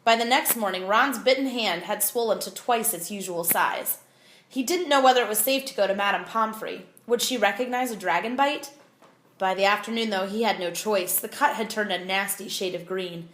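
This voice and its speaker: A woman reads a children's novel aloud with expressive, clear storytelling. Her voice sits at a middle pitch in an echoey room. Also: moderate pace, a little hiss or hum. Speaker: audiobook reader.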